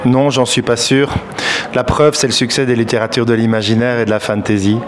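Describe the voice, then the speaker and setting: A man's voice: medium pitch, level tone, a little hiss or hum. Hesitant man musing aloud. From Belgium. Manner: thoughtful, hesitant, many filler pauses. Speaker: fantasy author. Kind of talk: reflective interview answers.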